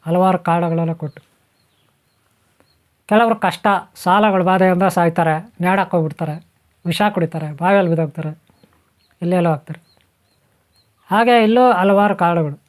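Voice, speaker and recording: A man's voice: high-pitched, brisk, long pauses. A man giving a spiritual talk to viewers, repeating phrases, running through lists and asking rhetorical questions. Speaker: spiritual teacher. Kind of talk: spoken talk on spiritual topics.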